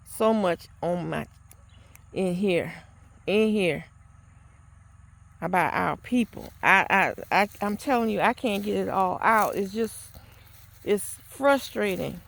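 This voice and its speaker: A woman's voice: medium pitch, slow pace, gravelly, pauses often, a bit bright. A woman talking to the camera outdoors in a yard, earnest and exasperated, with a preachy tone and frequent restarts. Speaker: vlogger. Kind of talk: spoken outdoor vlog monologue. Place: outdoors in a rural yard or garden.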